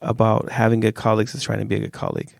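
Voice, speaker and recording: A man's voice: fairly low pitch, flat delivery, racing, gravelly, no echo, clean studio sound. A man co-hosting a podcast in casual chat, rambling and losing his train of thought, sounding drowsy. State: drowsy from a warm stuffy room. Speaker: podcast co-host.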